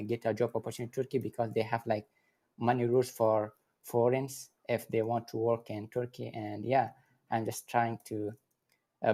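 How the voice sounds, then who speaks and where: A man's voice: mid-range voice, mellow. A young man from Afghanistan, a recent civil engineering graduate, speaking hesitantly in simple phrasing in a casual online chat. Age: young adult. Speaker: community member. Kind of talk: casual chat on an audio room.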